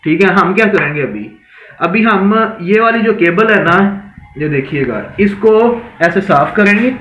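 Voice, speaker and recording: A man's voice: sits high, lively intonation, fairly bright tone. A man teaching a hands-on CCTV camera repair, explaining step by step and checking in with "theek hai" after each point. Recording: echoey lo-fi room recording with faint noise.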